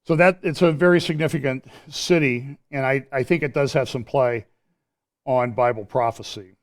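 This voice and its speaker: A man presenting a church prophecy update in a conversational commentary style, pausing and restarting as he walks through a map and his views. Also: mid-range voice, fairly even intonation. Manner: explains while pointing at a map on screen.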